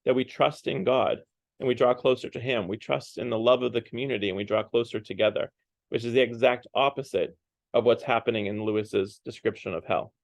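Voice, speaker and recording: A man's voice: medium pitch, fairly quick, gravelly, no echo. A man leading a parish Lent series, giving a casual talk and often checking in with "right?" and "like". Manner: conversational, often adds "right?" and "like". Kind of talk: casual Lenten talk on a book.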